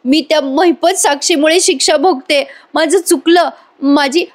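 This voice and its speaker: A woman's voice: steady tone, normal speed, a bit bright, close to an everyday voice. A woman doing Priya, a weepy begging young wife. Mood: sobbing. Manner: sobbing, begging, high and stammering. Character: young woman, scheming daughter-in-law, tearfully pleading.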